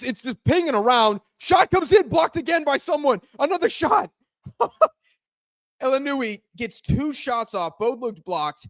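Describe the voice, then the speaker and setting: Hosting a live football watch-along, a man reacts excitedly to every chance and shouts at near misses until his voice turns hoarse and starts to give out. His voice sits high, and the recording is studio quality with no room sound.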